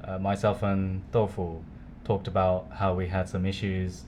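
Low-voiced chatty man from the UK. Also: monotone, a little slow, darkish tone, slight background noise. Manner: chatty, hesitant with many fillers. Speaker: co-host. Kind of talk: casual podcast chat.

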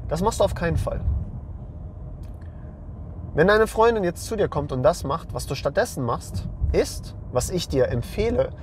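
Hoarse, blunt young man. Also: a little high, animated, moderate pace, long pauses, a little hiss or hum. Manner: blunt, slangy, emphatic, repeats himself. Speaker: men's lifestyle channel host. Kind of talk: blunt monologue to camera.

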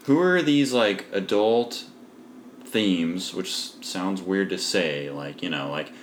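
A man co-hosting a relaxed podcast chat. His voice sits very low, and he muses aloud and asks questions. A faint hiss of noise sits under the conversation. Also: slow pace. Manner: reflective, poses questions. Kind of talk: casual chat about a cartoon.

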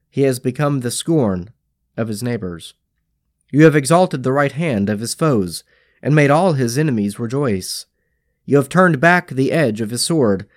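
A man recites psalms and prayer in a measured, solemn devotional reading. His voice rises and falls with lively pitch movement across each line. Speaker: podcast host reading scripture.

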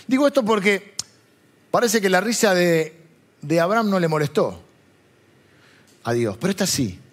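A man with a Rioplatense accent preaches in a chatty, rambling way, regularly asking the congregation questions. He sounds very animated, with a high, breathy voice at normal speed.

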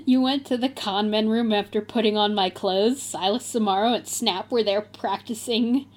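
A woman's voice: medium pitch, steady tone, moderate pace. A woman reading a fan story aloud for comedy, with theatrical emphasis and frequent laughter. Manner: reads aloud theatrically, often breaking into laughter.

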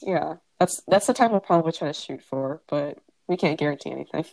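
A woman's voice: low voice, fairly quick, gravelly, a little mellow, no room sound, low-quality recording. A teenage girl co-hosting a casual podcast on a headphone mic, explaining inside jokes with dry teasing. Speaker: podcast co-host. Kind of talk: casual chat.

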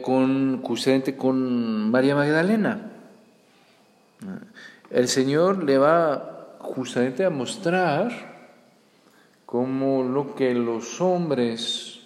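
Slow-speaking man preaching in an echoey hall. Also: medium pitch. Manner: conversational, with frequent tag questions. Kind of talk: sermon. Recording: echoey hall with long reverb.

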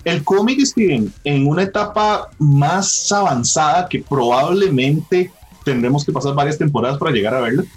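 A man's voice: a little high, moderate pace, breathy edge, soft background music. A man hosting a casual pop-culture chat, explaining at length with frequent tag questions and fillers. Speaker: podcast host.

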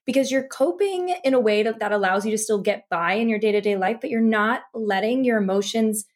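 A woman's voice: fairly high pitch, animated, brisk. A young woman hosting a podcast interview, thinking aloud in a reflective way with lots of "like" and "you know". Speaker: podcast host.

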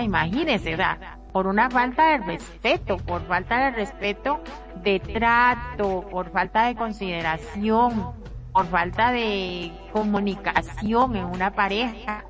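An earnest woman hosts a talk program and walks through relationship troubles point by point, repeating herself for emphasis. Her voice sits at a middle pitch. Music plays clearly behind her throughout. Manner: earnest, lists points in long repetitive runs. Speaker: radio talk show host. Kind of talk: casual advice talk. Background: background music.

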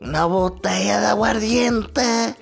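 A man's voice: high-pitched, takes it slowly, vocal fry, faint music behind, pitched above the performer's own voice, heavily acted. A man putting on a rambling mountain old-timer. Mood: aggrieved. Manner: rambling, drawling, full of fillers like "no, hombre, pues". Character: folksy rustic older man from the mountains. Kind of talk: comedy sketch character.

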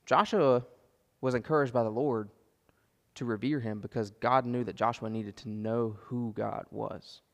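A man preaching a sermon as pastor, earnest and gentle, his voice sometimes dropping soft for asides. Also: mid-range voice, fairly even intonation, a little slow, vocal fry, big-room sound. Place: church sanctuary.

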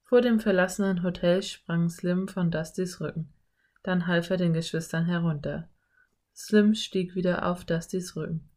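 A woman reading a children's story as narrator in an even storytelling manner. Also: on the low side, measured pace. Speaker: audiobook narrator. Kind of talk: scripted narration.

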